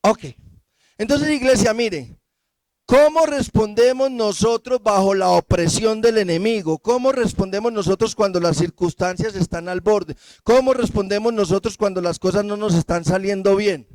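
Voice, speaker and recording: Man preaching, Colombian accent, lively sermon, slightly high voice, dry close sound. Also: normal speed, dry recording. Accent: Colombian Spanish. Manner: lively, acts out Bible characters in asides.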